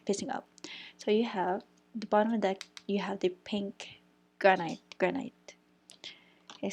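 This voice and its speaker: A woman's voice: medium pitch, gravelly, darkish tone, a little hiss or hum. A young woman giving a casual tarot reading, chatting as she shuffles, thinking aloud and sometimes dropping to a whisper. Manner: chatty, thinks aloud, stumbles over crystal names, some whispered words. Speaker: tarot reader.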